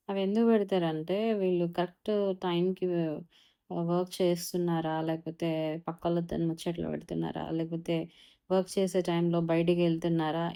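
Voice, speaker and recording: An earnest woman gives a devotional Bible talk in a mellow, fairly low voice. She speaks straight to the listener and slows down to read scripture verses with care. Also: creaky, smooth. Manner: earnest, addresses the listener directly, reads verses slowly.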